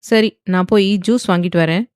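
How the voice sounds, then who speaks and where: A woman voicing a calm, affectionate middle-aged father. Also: fairly low pitch, fairly quick, smooth, no echo, clean studio sound, close to an everyday voice.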